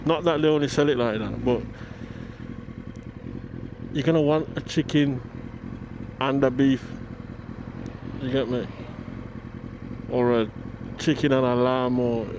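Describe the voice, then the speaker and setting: A man's voice: mid-range voice, steady tone, slow, pauses often, highs cut off. A British man chatting casually and slangily to viewers on a helmet mic while out on a motorcycle, often musing aloud to himself. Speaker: motovlogger. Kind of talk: casual vlog chat, talking to viewers while riding. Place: outdoors on a motorcycle in town. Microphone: microphone inside a motorcycle helmet. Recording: helmet mic with traffic and engine noise.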